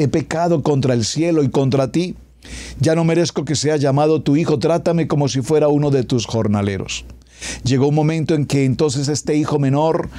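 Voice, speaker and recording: Pastor guy, radio sermon, leans hard on words then goes quiet, dry close mic. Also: medium pitch, no room sound. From Colombia. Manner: emphatic preacher, stretches key words, drops to a hush at climaxes.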